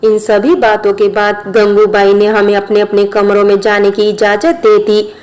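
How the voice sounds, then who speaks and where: A woman narrating a story, reading it out in an even manner. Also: medium pitch, normal speed, low-quality recording.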